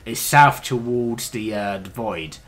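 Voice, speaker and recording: A man's voice: on the low side, slow, a bit bright, faint music behind. A man streaming a game, chatting casually with hesitant, rambling talk and the odd swear. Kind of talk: casual gaming stream chat.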